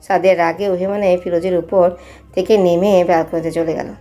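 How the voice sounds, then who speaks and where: A young woman narrating a romantic audio story in a steady, unhurried way. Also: on the low side, soft background music.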